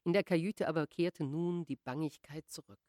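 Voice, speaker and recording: Female audiobook narrator, measured literary reading, dry close studio sound. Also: low-pitched, no echo. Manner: measured, expressive storytelling. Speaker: audiobook reader.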